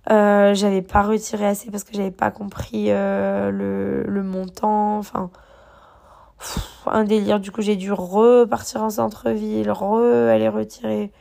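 A young woman chats through her travel vlog in a loose, rambling way, filling her talk with hesitations and restarts. Her voice has a strong gravelly fry, and she has a slight cough because she is a bit under the weather. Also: medium pitch, level tone, a little slow, warm tone. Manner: rambling, many fillers and restarts. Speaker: travel vlogger. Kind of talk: casual travel diary vlog.

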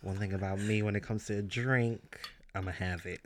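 A young woman, a guest on a podcast, excitable and laughing loudly in casual chat. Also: very deep voice, normal speed, slight background noise.

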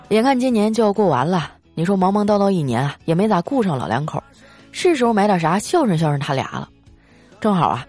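Lively young woman telling comic stories. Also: mid-range voice. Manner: lively, joking, sprinkled with drawn-out particles. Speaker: comic storyteller. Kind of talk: comic monologue with sponsored segment.

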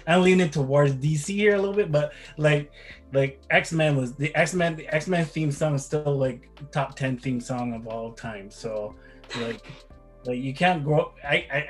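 In a casual interview, a guest father, a middle-aged man from Barbados, rambles along with frequent restarts and repeated words. His voice is mid-range.

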